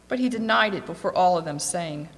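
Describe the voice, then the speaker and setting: A woman reading scripture aloud in a steady, clear voice. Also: on the low side, a little fast. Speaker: scripture reader. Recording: long echoing reverb.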